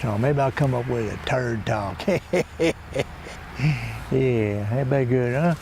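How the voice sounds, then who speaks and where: A rambling backwoods man with a drawl, played by a man, his gravelly voice at an everyday pitch. He meanders through a comic outdoor monologue by the water, chuckling to himself. Faint background noise sits under his voice. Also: slow, darkish tone. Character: rambling rustic backwoods man, folksy and cranky. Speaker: comedy monologue host.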